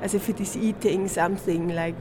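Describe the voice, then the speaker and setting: Casting: young Swiss performance artist, German-speaking native, searches for words, faint background hum. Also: female voice, mid-range voice, fairly even intonation, fairly quick. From Switzerland. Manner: hesitant, searching for words, laughs often. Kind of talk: interview answers.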